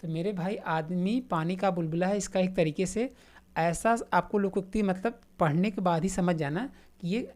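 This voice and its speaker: A woman's voice: fairly low pitch, darkish tone. A woman teaching an exam-prep grammar lesson in a casual, repetitive way, reading out answer options and calling her students "my brother". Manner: casual, repetitive explaining, calls listeners "my brother"; reads out question options one by one.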